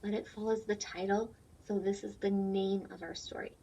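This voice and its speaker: A woman teacher shares a picture book with young children, explaining simply and asking questions. Her mid-range voice is mellow with a breathy edge, showing little pitch movement at a moderate pace. Audio is dull and lo-fi, recorded away from the mic.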